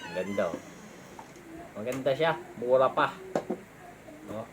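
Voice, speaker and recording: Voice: mid-range voice, animated, takes it slowly, over music. A chatty vlogger unboxing a gadget in casual talk, reading product features aloud. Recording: noisy home recording.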